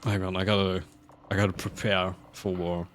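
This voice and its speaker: A man commentating live on his own gameplay in a casual, animated way, swearing and laughing at his mishaps. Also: low voice, moderate pace, slight background noise. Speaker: streamer playing a game.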